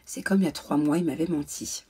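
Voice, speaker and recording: Young woman, vlog storytime, warm low tone, breathy, hesitant talk. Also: steady tone, fast talker. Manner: hesitant, many fillers and restarts. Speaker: mother vlogger. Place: indoors at home, ring light.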